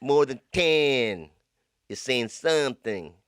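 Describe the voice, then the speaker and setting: A man's voice: medium pitch, expressive, takes it slowly, fairly bright tone, no room sound, clean studio sound, pitched below the performer's own voice. A man acting out a stern adult male mob boss who scolds someone for being late. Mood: scolding. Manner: curt, scolding.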